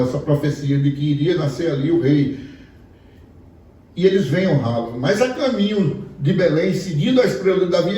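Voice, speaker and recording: A man from Pernambuco, Brazil, with a Pernambuco Portuguese accent, preaches a storytelling sermon and asks the congregation questions. His voice is on the high side and dark, heard far from the mic in an echoey hall.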